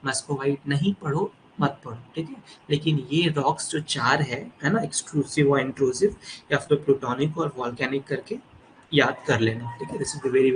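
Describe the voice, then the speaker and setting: A man teaching geology in an exam-prep lecture, mixing Hindi and English, with slow, drawn-out English phrases and a constant "theek hai". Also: mid-range voice, a little hiss or hum, low-quality recording. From India.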